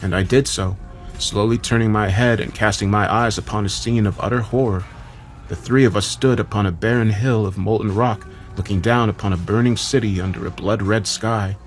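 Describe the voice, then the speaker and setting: A man narrating a first-person horror story in a measured, dramatic way. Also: lowish voice, fairly even intonation, faint music behind.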